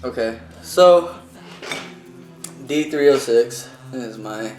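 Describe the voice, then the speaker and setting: A man's voice: mid-range voice, animated, slow, darkish tone. A man from the United States, a musician being interviewed, talks in an informal, self-promoting way in casual chat. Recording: echoey room, music behind.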